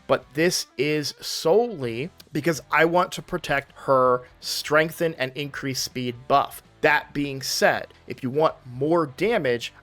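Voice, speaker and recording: A man's voice: fairly high pitch, fairly bright tone. Chatty man correcting himself as he goes. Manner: chatty, often corrects himself mid-sentence. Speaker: gaming channel host. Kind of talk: casual commentary video. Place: room in his home.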